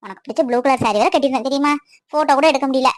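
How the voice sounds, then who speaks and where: A woman's voice: high voice, rapid-fire, dry recording, close to an everyday voice. A young woman voicing a lonely, tearful girlfriend who complains and pleads with her boyfriend. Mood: wistful.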